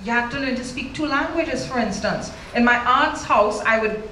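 Onstage before a big crowd, this middle-aged Trinidadian author talks frankly through a handheld microphone, frequently ending sentences with "right?". Her voice is fairly high and sharp at a normal speed, heard in a roomy hall carrying faint noise.

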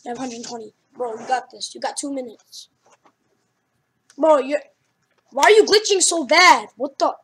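A young woman hosting a gaming video, chatting casually and exclaiming loudly with lots of slang while she plays. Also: sits high, normal speed, long pauses, slightly rough. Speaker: gaming channel host. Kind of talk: excited casual gameplay chat.

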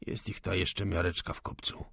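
A man's voice: low voice, little pitch movement, moderate pace, creaky, sharp tone, husky, no echo, studio quality, heavily acted. A man voicing a stubborn old male servant, a blunt peasant who grumbles in folksy speech, in an audiobook. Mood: stubborn grumbling.

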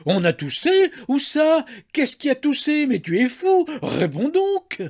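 A man's voice: wildly swooping pitch, measured pace, exaggerated voice. A man voicing an indignant, hysterical young woman who shrieks in outrage at her lover. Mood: exasperated. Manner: shrill, outraged shouting.

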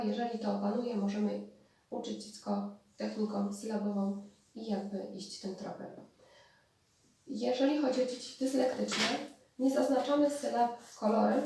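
Brief: woman therapist lecturing, a bit high and gravelly, recorded far off in a roomy hall. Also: mellow. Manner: explanatory, with restarts and hesitations. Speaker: speech therapist. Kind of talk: spoken lecture on therapy methods. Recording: distant mic in very echoey room.

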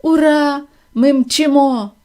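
A woman reading a storybook aloud and voicing an excitable old grandfather who blurts out loud, breathless exclamations. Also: high voice, slow, voice pushed up. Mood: elated. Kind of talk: audiobook reading.

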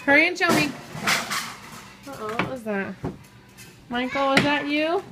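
A woman's voice: sits high, animated, a little slow, noisy background. A woman in her thirties, a mother vlogging at home at dinnertime, cheerfully coaxing and correcting her young children. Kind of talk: casual family vlog narration. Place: family home indoors at dinnertime. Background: piano music.

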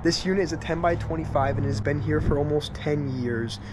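A young man with a slightly high voice that is partly gone, so it squeaks and cracks in places. He talks fast and excitedly while digging through a dusty storage unit, with a faint hum behind him. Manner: excitable, quick exclamations. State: losing his voice, squeaky in spots. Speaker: online reseller, channel host. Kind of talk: casual vlog narration.

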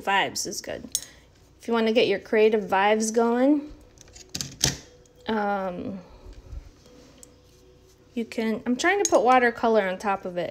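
A woman's voice: medium pitch, slight background noise. A woman giving a casual live painting lesson from home, chatty and encouraging as she thinks aloud. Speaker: art instructor.

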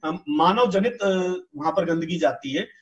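30s guy interviewing over a video call, high voice, polite rambling questions with lots of ums. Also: expressive, normal speed, lo-fi sound. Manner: polite, long-winded questions with many fillers. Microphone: video call with earphones.

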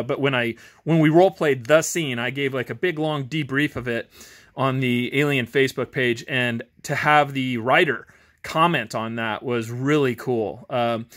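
In his home garage, a man who reviews videos as an amateur and runs tabletop games chats casually and unscripted while reviewing a game book. His fairly high, fairly bright voice comes across as hesitant, informal and self-deprecating.

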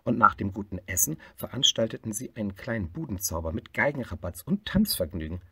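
Male picture-book reader, low, expressive, slightly husky. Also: fairly quick, dry recording. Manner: lively, expressive reading, swelling louder in happy parts. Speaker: storyteller. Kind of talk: reading a picture book aloud.

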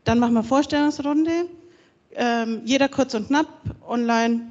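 A woman presents a conference program in a relaxed, self-correcting way. Her voice rings with long reverb through a large hall, and the sound is dull and lo-fi. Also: on the high side, a little slow. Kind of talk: conference moderation. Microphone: handheld microphone.

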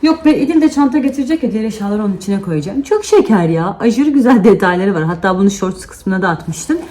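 A woman's voice: medium pitch, animated, fast, dark tone. A woman and mother talking casually to camera in a home vlog, sounding tired as she vents about her day. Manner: chatty, tired and venting. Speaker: vlogger and mother. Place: at home indoors. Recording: echoey room, faint noise.

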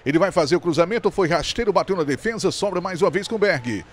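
A male football commentator. His voice sits high and swings widely in pitch. He calls the play live and excitedly, stretching key words into long cries. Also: fast talker.

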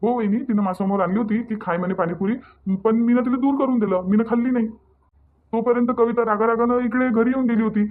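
Cartoon husband: performer voicing a quick, pleading young man, Varhadi accent, tinny phone-like sound. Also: medium pitch, steady tone, natural voice. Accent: Vidarbha Marathi (Varhadi). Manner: pleading, defensive. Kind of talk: cartoon voice acting.

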